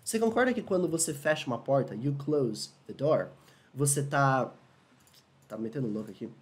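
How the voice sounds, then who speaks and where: A man with a Brazilian Portuguese accent giving a casual video English lesson, upbeat, often asking viewers if they agree and slowing down for English examples. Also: mid-range voice, animated. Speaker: English teacher.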